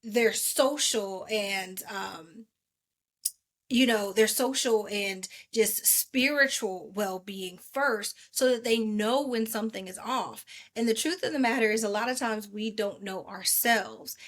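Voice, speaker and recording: A woman speaking as a podcast guest, an animated storyteller who acts out quotes from her own life. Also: medium pitch, takes it slowly. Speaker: podcast guest, maternal wellness advocate. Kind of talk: casual podcast interview.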